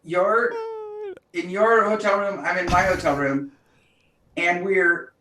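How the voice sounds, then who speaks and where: Laughing frequently, a podcast co-host spins an animated story in a relaxed chat. She speaks slowly in a lowish voice, recorded through a distant mic in a roomy space.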